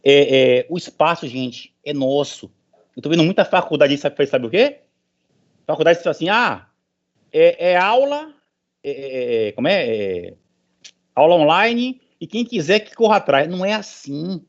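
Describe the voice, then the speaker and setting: A middle-aged male professor speaks to an online meeting in a somewhat high, very animated voice at a measured pace. His style is informal, emphatic and motivational, and he repeats phrases for stress. The audio comes through an online meeting call and sounds dull and lo-fi.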